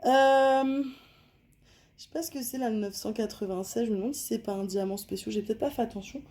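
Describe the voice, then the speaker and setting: A woman's voice: a little high, brisk, dark tone. A young woman chatting casually at her living room table as she unboxes and shows a diamond painting kit, thinking aloud as she counts and sorts.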